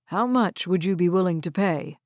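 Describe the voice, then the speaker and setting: A composed, shrewd lawyer man, as a woman narrator voices him, speaking in measured, cool tones. It is a dry, close audiobook recording. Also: on the low side, animated, dry recording, natural voice.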